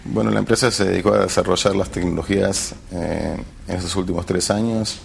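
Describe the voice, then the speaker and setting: A low-voiced man, very gravelly and creaky in tone. He is a company founder in a TV studio interview, pausing and restarting as he looks for words. Faint ambience sits behind him. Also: steady tone, a little hiss or hum. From Argentina. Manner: hesitant, searching for words, many restarts. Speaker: tech company founder guest. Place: television studio.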